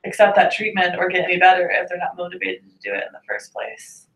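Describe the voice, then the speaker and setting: A woman's voice: on the low side, big pitch swings, fast. A young woman, a student, talking casually with her group, chatty and full of fillers. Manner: chatty storyteller, many fillers. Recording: echoey room, recorded from a distance.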